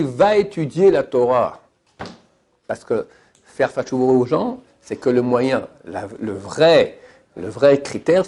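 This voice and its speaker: A man with a French accent giving an animated Torah lesson, emphatic and jumping up in pitch to stress his points. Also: creaky, husky. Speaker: rabbi giving a Torah class.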